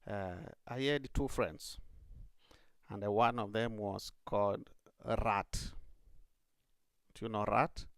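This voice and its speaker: Slow, gravelly priest giving encouragement. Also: male voice, fairly low pitch, steady tone, dry recording, studio quality. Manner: slow, earnest, and warmly encouraging, with many fillers. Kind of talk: encouraging talk to young people.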